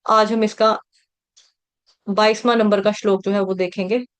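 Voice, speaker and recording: A woman teaching Sanskrit verse pronunciation, stretching syllables slowly when she chants them and explaining quickly in between. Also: mid-range voice, flat delivery. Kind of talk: slow chanting and pronunciation lesson.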